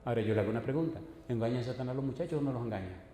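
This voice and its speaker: A man's voice: medium pitch, racing, warm tone, a little hiss or hum. An older man, preaching a sermon emphatically and putting repeated questions to the congregation. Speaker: pastor. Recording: echoey hall, faint ambience.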